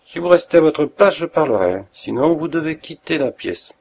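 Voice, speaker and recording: A man voicing a feverish, imperious dying detective who speaks hoarsely in a curt, commanding tone. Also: medium pitch, animated, moderate pace, a little mellow, muffled recording. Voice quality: hoarse, gasping.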